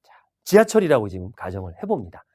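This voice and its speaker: Lively fast-talking male sales trainer. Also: lowish voice, slightly rough. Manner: animated, asks the audience questions. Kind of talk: video lecture.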